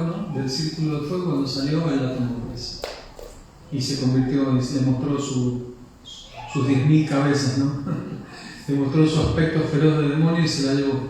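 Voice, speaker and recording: At a temple gathering, a man with a fairly high voice tells a devotional story in a lively, chatty manner, often ending lines with "¿no?". The mic sits at a distance in a very echoey hall, and a little hiss or hum is audible.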